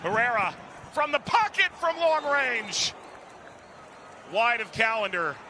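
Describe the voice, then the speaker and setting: A man's voice: extremely high pitch, big pitch swings, slow. A man doing live soccer play-by-play, calling players' names in clipped phrases. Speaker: play-by-play commentator. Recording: loud stadium noise behind commentary. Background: noisy stadium ambience.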